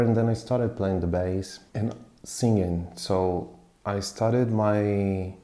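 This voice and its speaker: A man speaks slowly and thoughtfully, pausing often as he recalls his story. His voice sits very low and mellow. The recording has a noticeable roomy echo. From Brazil. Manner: unhurried, thoughtful, pauses with fillers. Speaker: musician guest. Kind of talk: interview answers, reflective storytelling.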